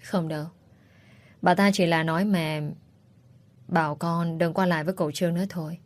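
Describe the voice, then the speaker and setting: A loving, protective mother in an audiobook romance, voiced by a woman narrator, soft-spoken and pleading with her child. Her voice is a touch low. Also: steady tone, moderate pace, lightly acted. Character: protective middle-aged mother, tender and grieving.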